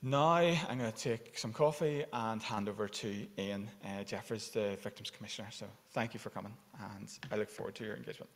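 A man's voice: lowish voice, fairly quick, few pauses. A man giving an informal conference welcome at a lectern, with many fillers. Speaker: conference organiser and academic. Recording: long hall reverb.

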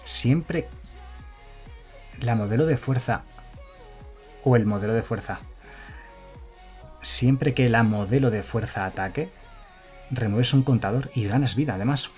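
A man's voice: mid-range voice, unhurried, pauses often, a little mellow, faint music behind. A man commenting live on his card game, chatting casually and reading viewer messages aloud. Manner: chatty, reads chat aloud and thanks followers. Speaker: streamer.

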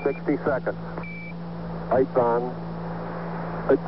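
A man's voice: mid-range voice, little pitch movement, slow pace. A man, an astronaut, giving terse, clipped flight callouts over crackly, breaking-up space radio. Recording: noisy lo-fi archive space radio.

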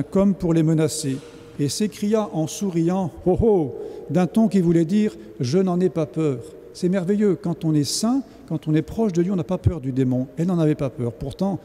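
An earnest male priest delivers a sermon with a fairly high pitch and an extremely dark, mellow tone. His words ring out with a long reverb, as if they fill a large church. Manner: earnest, exhorting.

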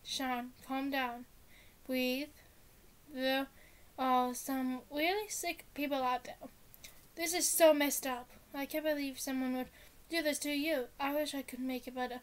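Woman reading worried young boyfriend from a text story, high flat voice, plain reading. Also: measured pace. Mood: comforting. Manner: reads the texts plainly, little voice change.

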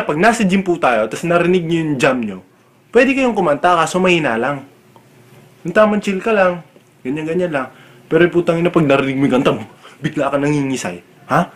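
Young male comic vlogger, raised voice, exasperated and cursing through a rant. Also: fairly high pitch. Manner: loud, exasperated, swears freely. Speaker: comedic vlogger. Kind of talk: comedic rant.

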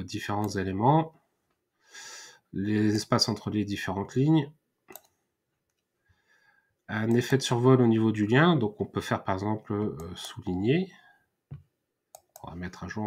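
Male tutorial host, lower pitch, hesitant thinking-aloud delivery, keyboard clicks in background. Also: measured pace, pauses often. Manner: hesitant, many fillers and restarts, thinking aloud. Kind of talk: screen-recorded software tutorial. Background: mouse clicks and typing.

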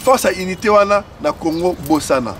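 High-voiced man ranting on a street. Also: animated, fairly quick. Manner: impassioned, repetitive, switches between Lingala and French. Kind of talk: outdoor political talk. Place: outdoors on a city street. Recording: distant mic outdoors with faint noise.

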